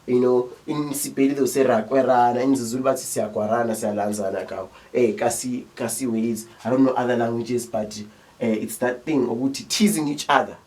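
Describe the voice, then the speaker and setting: A man's voice: medium pitch, fairly even intonation, a little fast, a little mellow, far from the mic, rough recording. Chatty South African man teaching. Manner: chatty, checks in often with rhetorical questions. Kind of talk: casual video lesson.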